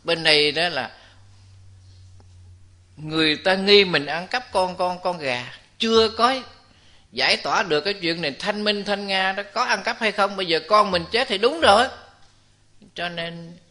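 Male Buddhist preacher, storytelling sermon, bright sharp voice, slightly high pitch. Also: unhurried, long pauses. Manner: lively storytelling, acts out characters' voices, addresses the audience directly. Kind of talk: storytelling dharma talk.

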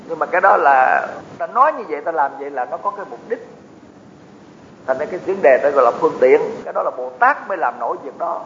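Monk in echoey hall. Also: male voice, a little high, expressive, quick pace, fairly bright tone. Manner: explanatory, folksy asides to the audience. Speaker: Buddhist monk teaching. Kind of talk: dharma talk. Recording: echoey hall, dull lo-fi with faint noise.

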